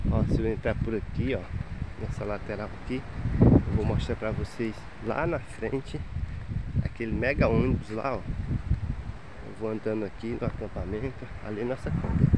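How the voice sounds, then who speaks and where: A man in his thirties giving a cheerful, chatty walking tour of a seaside campground, filmed on a handheld phone. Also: on the low side. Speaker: travel vlogger. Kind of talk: casual vlog walkthrough. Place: outdoor beachside campground, windy. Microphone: handheld phone camera. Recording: loud wind noise on phone mic.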